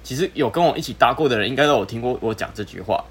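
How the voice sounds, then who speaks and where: Lively, playful male podcast co-host. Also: mid-range voice, very fast, slightly rough. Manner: playful, jokey. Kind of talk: casual chat.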